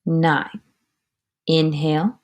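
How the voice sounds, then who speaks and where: A woman guides a breathing meditation in a fairly low voice. She speaks very slowly and calmly, in measured phrases. Her words often soften into a breathy near-whisper. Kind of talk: guided breathing meditation, slow instruction and counting.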